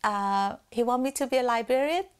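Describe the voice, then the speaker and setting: In an interview, a middle-aged female musician from southern China with a Chinese accent speaks candidly and reflectively about her life, laughing softly at times. Her voice is a little high and brisk, with a clean tone.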